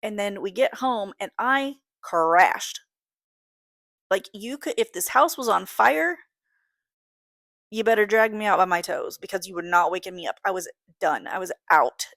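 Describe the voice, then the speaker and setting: A woman's voice: medium pitch, measured pace, creaky, fairly bright tone, no echo, studio quality. A woman in her thirties hosting a casual solo podcast, talking in a rambling, candid way that often breaks off and restarts. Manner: rambling, self-interrupting, candid. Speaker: podcast host.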